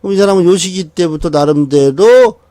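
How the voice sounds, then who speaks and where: A man's voice: sits high, fairly quick, warm tone. A man teaching a class how to read a birth chart. He keeps asking questions and answering them himself, with chuckles between points. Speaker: saju fortune-telling teacher.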